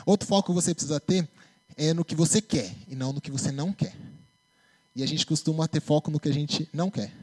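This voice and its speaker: A man's voice: a little high, quick pace. A man with a Brazilian Portuguese accent preaching a sermon in a church, talking in a conversational way and often asking "né?". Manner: conversational, animated preaching with tag questions. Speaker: preacher and psychologist.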